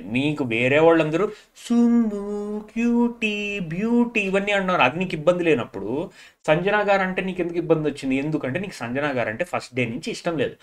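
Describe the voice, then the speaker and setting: A man giving an animated, opinionated casual review of a reality show. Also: fairly high pitch. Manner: animated, opinionated, mixes English into his talk.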